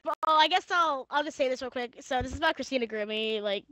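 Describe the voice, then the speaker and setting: A young woman streaming from home on a gaming headset, chatting crudely and giggling, then reading fan fiction aloud in a flat monotone. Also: high-pitched, fast talker, no room sound. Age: young adult.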